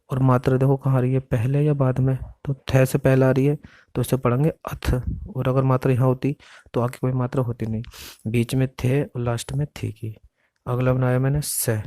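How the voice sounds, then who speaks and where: A man's voice: mid-range voice, warm tone, dry recording. A man teaching a shorthand lesson step by step, patiently explaining each stroke and repeating how to read it. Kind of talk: step-by-step classroom instruction.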